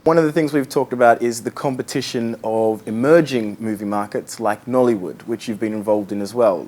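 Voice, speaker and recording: A man's voice: mid-range voice, brisk, darkish tone. A man interviewing an actor, asking polite, formal questions.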